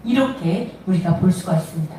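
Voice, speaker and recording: A woman's voice: lowish voice, expressive, brisk, mellow. A woman preaching a sermon, talking animatedly with laughs and acting out quoted dialogue. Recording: echoey room, voice from a distance, faint noise.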